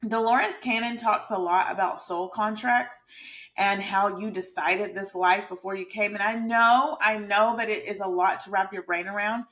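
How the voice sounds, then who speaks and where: A woman's voice: mid-range voice, fairly even intonation, normal speed, a bit bright. Chatty Southern woman from Georgia. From Georgia, USA. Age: 30s. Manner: informal, conversational, addresses viewers directly. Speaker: mindset mentor and YouTube host. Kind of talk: casual chatty explainer vlog.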